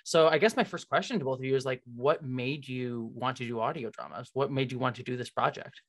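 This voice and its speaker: An interview host chats casually on a video call from an indoor room, gushing like an enthusiastic fan, rambling and saying "like" a lot. The voice is medium in pitch and fairly quick.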